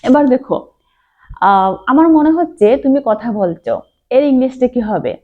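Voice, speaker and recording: A woman teaching a spoken English lesson, reading out example sentences slowly and carefully and checking in with rising questions. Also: high-pitched, animated. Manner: rising, emphatic questions to the learner. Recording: tinny phone-like sound.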